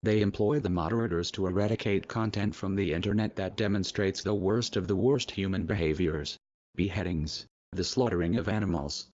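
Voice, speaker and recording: A man reading a scripted protest message in a solemn, measured, declamatory way, his voice disguised and artificially deepened. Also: a little mellow, dry recording, dull audio.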